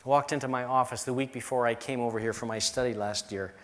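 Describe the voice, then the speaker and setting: A man's voice: medium pitch, fairly even intonation, quick pace. A middle-aged man, a pastor from the United States, preaching a sermon and telling stories with emphatic repetition.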